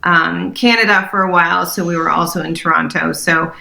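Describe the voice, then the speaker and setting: A woman from France with a low-set, bright and forceful voice talks as an interview guest. She is earnest and enthusiastic, with frequent "um"s. The sound has a noticeably roomy echo. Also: steady tone, brisk, vocal fry. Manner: earnest and enthusiastic, with many fillers. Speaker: interior designer, podcast guest. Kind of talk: casual interview chat.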